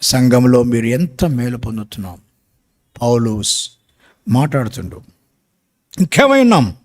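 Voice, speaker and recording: An older man preaching a sermon, emphatic and rising to shouts at key points. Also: medium pitch, very animated, a little slow.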